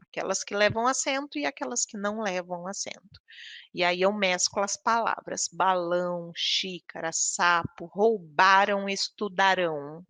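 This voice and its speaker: A woman from Brazil leads a training session for teachers, talking at a slow, deliberate pace. Her voice is bright and sits a little high. She is recorded close up in a dry room. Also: dry recording. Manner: explains patiently, reads word lists slowly, checks in with "né?". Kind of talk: online teacher training lecture.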